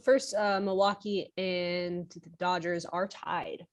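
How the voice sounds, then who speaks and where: A woman's voice: fairly low pitch, steady tone, takes it slowly. Blunt, opinionated woman co-host. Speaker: podcast co-host. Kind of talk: casual sports talk.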